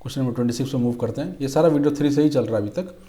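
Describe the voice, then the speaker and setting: Mellow-voiced male exam tutor. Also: medium pitch, racing. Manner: patient, repeats "ठीक है", reads options aloud. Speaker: exam-prep teacher. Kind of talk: explaining quiz questions.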